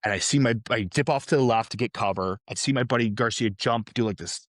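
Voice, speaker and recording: A man's voice: mid-range voice, a little fast, no room sound. A young man, a former police officer telling a vivid, profane story in a podcast interview.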